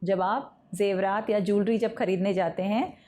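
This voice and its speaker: A woman's voice: medium pitch, fairly even intonation, warm tone. A woman from Mumbai teaching English vocabulary in Hindi, spelling each word out letter by letter and explaining its meaning. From Mumbai, India. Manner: slow, deliberate spelling-out of words letter by letter.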